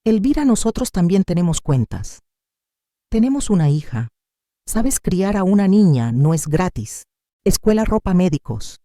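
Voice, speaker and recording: A woman's voice: on the low side, big pitch swings, moderate pace, dark tone, dry recording, clean studio sound, voice pushed up. A woman voicing a hostile young daughter-in-law who speaks in a sarcastic, cutting way.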